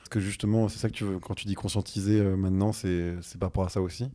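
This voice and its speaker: A man's voice: sits low, level tone, fast, warm tone. A man hosting a podcast, asking loose questions with many fillers. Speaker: podcast host. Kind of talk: interview questions.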